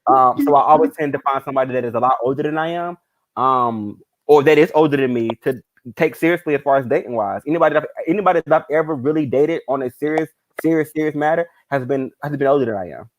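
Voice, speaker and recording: A man chatting casually on a podcast, stopping often with fillers and restarts. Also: a little high. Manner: halting, many fillers and restarts.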